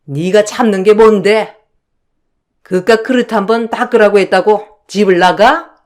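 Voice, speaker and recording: A woman's voice: mid-range voice, measured pace, lightly acted. A woman doing a scolding mother-in-law. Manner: scolding, sharp-tongued. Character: scolding older mother-in-law, bossy and petty.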